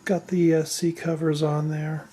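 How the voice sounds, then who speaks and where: This woman's voice sits low and dark, with little pitch movement and a normal speed. She's a hobbyist walking through a build casually and without a script, hesitant and self-deprecating, while machines are clearly heard behind her.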